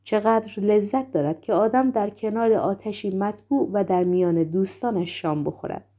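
Mellow woman narrating a novel. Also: medium pitch. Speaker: audiobook narrator. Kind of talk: scripted narration.

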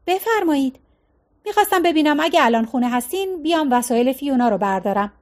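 A woman voicing a curt, businesslike young woman with a raspy voice. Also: sits high, animated.

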